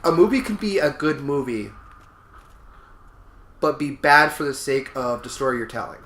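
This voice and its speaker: A male co-host of a let's play comments over the game, casually and emphatically sharing opinions, often repeating and rephrasing himself. His mid-range voice is forceful, bright and animated at a moderate pace. The room echoes, with faint background noise.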